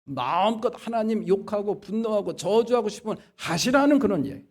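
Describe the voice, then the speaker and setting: A man preaching a Sunday sermon as pastor. He moves between quiet asides and loud, emphatic exhortation. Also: high-pitched, expressive, a little fast. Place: church sanctuary.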